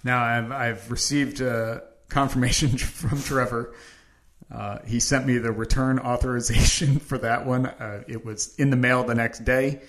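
A man's voice: mid-range voice, fairly even intonation, a little slow, a bit bright. A man chatting casually as a podcast co-host, in a poor-quality recording. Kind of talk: casual chat. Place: makeshift podcast studio.

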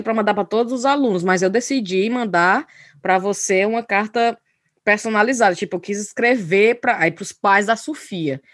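A woman's voice: mid-range voice, no echo, clean studio sound. A woman co-hosting a podcast in casual chat, telling stories animatedly and laughing often. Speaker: podcast co-host.

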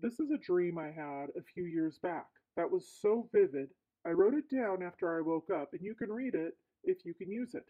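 A woman reading a listener's dream account aloud through a voice changer that disguises her voice, in steady first-person storytelling. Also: on the low side, normal speed, hardly any pauses, breathy edge, voice pushed down. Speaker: podcast host reading a listener's letter. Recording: tinny lo-fi processed sound.

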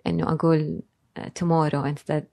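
A woman's voice: fairly low pitch, a little fast. A woman, a guest in a casual interview, speaking reflectively and dropping English phrases into her speech. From Saudi Arabia. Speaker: guest, designer and blogger.

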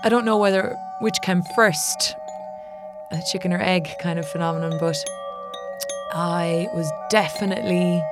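West of Ireland woman, slightly creaky voice. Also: lowish voice. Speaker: musician and songwriting teacher. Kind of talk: casual personal storytelling.

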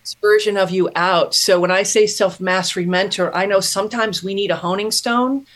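A middle-aged woman, a podcast guest, telling her story in an earnest, thoughtful way, often pausing and restarting a thought. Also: mid-range voice, steady tone. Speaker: podcast guest, self-mastery mentor. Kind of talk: reflective personal storytelling.

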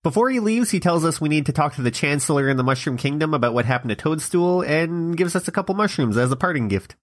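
Guy narrating the game, slightly higher voice, dry jokey asides. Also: animated, fast talker. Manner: wry, joking asides. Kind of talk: comedic play-by-play narration.

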